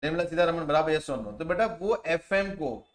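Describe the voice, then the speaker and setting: A man teaching a tax class, firing the same questions at his students again and again. His voice sits a little high, and the classroom around him rings with echo. He often drops to a soft, low tone for asides. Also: animated, normal speed. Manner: quizzes students with repeated questions. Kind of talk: classroom lecture. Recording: echoey room.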